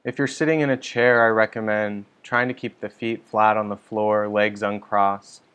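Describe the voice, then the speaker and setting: A man leading a guided meditation online, giving calm, gentle, unhurried instructions. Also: fairly low pitch, clear, resonant tone. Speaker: meditation teacher. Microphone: online stream mic.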